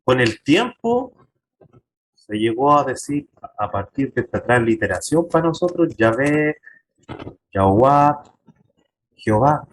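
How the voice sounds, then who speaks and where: A man's voice: mid-range voice, sing-song, measured pace, long pauses, rough recording. A man pastor teaching a Bible class to his congregation, emphatic, turning to them with direct questions. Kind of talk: church Bible lesson.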